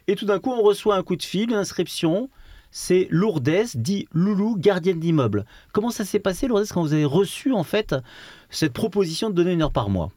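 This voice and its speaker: A man's voice: high-pitched, a little mellow, no echo, clean studio sound. A man interviewing and introducing a guest, speaking emphatically and full of praise. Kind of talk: enthusiastic interview presentation.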